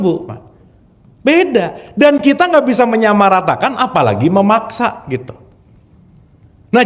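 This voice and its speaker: A man leads an informal spiritual lecture a high, bouncing voice. He keeps it chatty, quizzes his listeners and laughs easily, a light touch. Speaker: spiritual teacher. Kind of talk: informal religious lecture to an audience.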